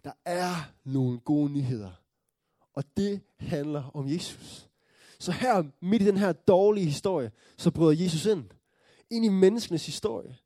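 A man preaching a sermon, telling the story earnestly, checking in with his listeners through tag questions and building to joyful excitement. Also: on the high side, no echo, clean studio sound.

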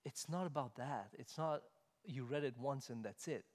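A male preacher with a mid-range voice, his sermon rolling through a reverberant church hall. He swings between loud, emphatic stresses and quiet, conversational asides. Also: medium pitch, moderate pace. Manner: rises to loud emphatic stresses, then drops soft and conversational.

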